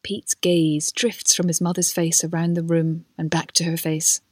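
A woman's voice: deep voice, level tone, moderate pace, no echo. A woman narrating, reading screenplay stage directions.

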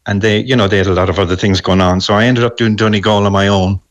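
Middle-aged Irish man, lowish voice. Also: fairly even intonation, fast. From Galway, west of Ireland. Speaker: radio phone-in guest. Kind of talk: casual interview chat.

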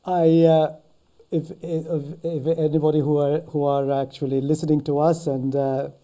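A man with a Maltese accent, recounting his life in conversation as a podcast guest, halting and often repeating his words. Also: a little high, flat delivery, dark tone. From Malta. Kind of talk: conversational personal recollection.

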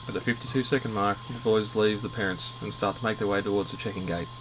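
Guy reading out a movie recap minute by minute, kinda low voice, crickets chirping loud in the back. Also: quick pace, noisy background. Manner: steady, matter-of-fact reading. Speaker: podcast narrator. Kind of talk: read minute-by-minute film recap. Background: crickets and insects.

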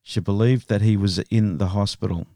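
Low-voiced man narrating true crime. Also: no echo, clean studio sound. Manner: steady, measured storytelling. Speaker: podcast host.

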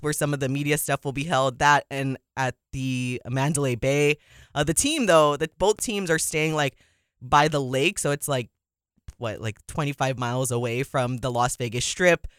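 A woman's voice: normal speed, dry recording, clean studio sound. Chatty woman co-hosting a sports show. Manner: chatty, laughs often, animated swings in pitch. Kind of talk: casual sports talk.

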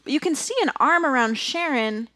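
A chatty young woman co-hosting a casual movie review chat, her voice sitting a little high. She laughs easily and fills pauses with "like" and "um". The sound is dry and close, with no room around it. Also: lively intonation, sharp tone, no room sound. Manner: chatty, laughs often, many fillers. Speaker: podcast co-host.

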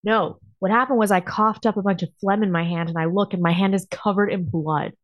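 A woman's voice: mid-range voice, fairly even intonation, a little fast, no echo, highs cut off. A woman co-hosting a live call-in show, sick with a cough and complaining bluntly and dramatically. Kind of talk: casual live show chat.

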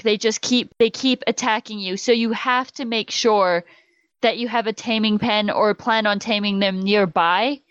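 A woman's voice: a little high, clean tone, no room sound. A woman in casual podcast chat, rambling with frequent "um" and "like". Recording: slightly muffled lo-fi sound.

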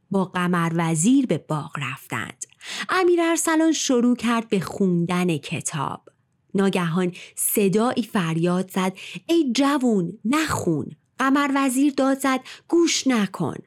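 A woman narrates an old folk tale in a dramatic storytelling manner. Her pitch swings animatedly, and she sometimes drops into a hushed whisper for effect. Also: sing-song.

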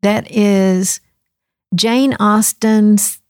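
A woman talking as a guest in a casual studio conversation, animated and quick to laugh. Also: mid-range voice, dry recording. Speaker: curriculum specialist guest. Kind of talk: casual chat.

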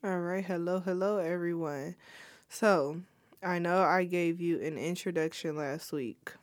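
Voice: medium pitch, measured pace, dry recording, studio quality, faint music behind. A podcast host, sick with a cold and stuffy-nosed, talking casually and apologetically to listeners in an informal solo announcement. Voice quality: stuffy, congested nose.

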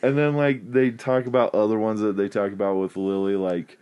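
A man in casual chat, retelling scenes with animated quoting and frequent laughter. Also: lowish voice, moderate pace, smooth.

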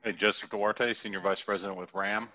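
A man's voice: on the low side, steady tone, a little fast, bright, forceful tone, lo-fi sound. A man briefly introducing himself as an executive on a webinar panel.

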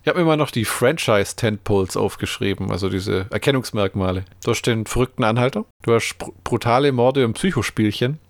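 A man's voice: lowish voice, fairly quick, few pauses, dry recording. A man in casual podcast chat about films, rambling and joking, often breaking into laughter. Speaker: podcast co-host.

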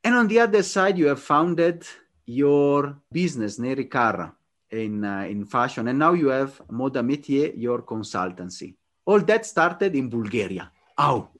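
Podcast host with a halting, eager manner. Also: male voice, mid-range voice, lively intonation, fairly bright tone. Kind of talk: interview.

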